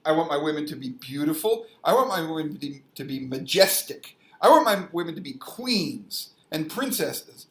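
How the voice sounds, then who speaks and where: A man's voice: a little high, sing-song, normal speed, few pauses. A man in a casual debate, explaining religious values emphatically and repeating phrases to press his point. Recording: echoey room.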